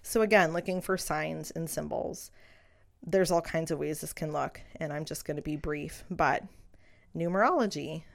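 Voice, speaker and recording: Gravelly low-voiced woman, earnest and unhurried. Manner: earnest, unhurried, with soft fillers. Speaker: midwife. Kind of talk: reflective solo podcast talk.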